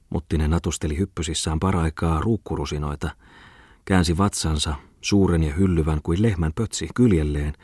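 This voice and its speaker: Low husky audiobook narrator, a man. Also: no room sound, clean studio sound. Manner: measured storytelling. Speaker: audiobook reader.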